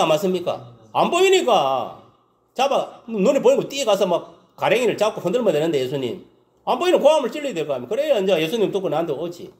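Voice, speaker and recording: A man preaching a Sunday sermon. He keeps asking the congregation whether they understand and agree, and he swings between loud exclamations and low muttering. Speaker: pastor.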